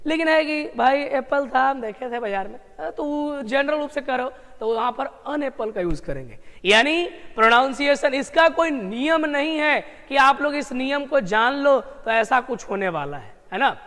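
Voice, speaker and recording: A man's voice: very high-pitched, expressive, moderate pace, hardly any pauses, fairly bright tone, in a large hall. A male English grammar teacher giving an exam-prep lesson, chatty and repetitive, calling his students brother and friend.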